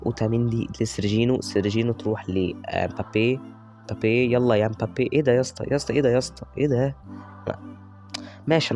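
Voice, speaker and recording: Fast-talking Egyptian gamer. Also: male voice, mid-range voice. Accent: Egyptian Arabic. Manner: excitable, chatty, cheers on players by nickname. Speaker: gaming YouTuber. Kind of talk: live gameplay commentary.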